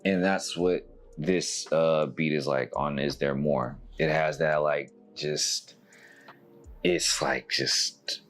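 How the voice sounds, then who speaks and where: Very low-voiced male album reviewer, casual and rambling. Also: takes it slowly, a little hiss or hum. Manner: rambling, laughing, animated voices when quoting. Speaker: music reviewer.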